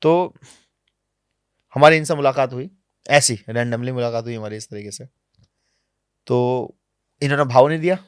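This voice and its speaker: A man being interviewed on a podcast, telling travel stories in a lively, animated way, sometimes dropping to low, quiet asides. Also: normal speed, long pauses, clean tone, dry recording, studio quality. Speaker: travel vlogger guest. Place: podcast studio.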